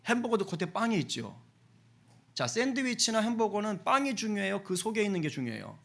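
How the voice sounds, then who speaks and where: A man's voice: high voice, very animated, brisk, creaky, a bit bright. A middle-aged man preaching a Sunday sermon as pastor in a church, talking conversationally and asking the congregation questions. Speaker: senior pastor. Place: church sanctuary.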